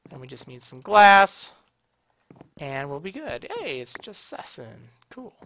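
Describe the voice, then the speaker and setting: A man's voice: sits high, sing-song, measured pace, pushed and bright. A man with a slightly strained, tired voice giving casual, explanatory video game tutorial commentary. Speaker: gaming video host.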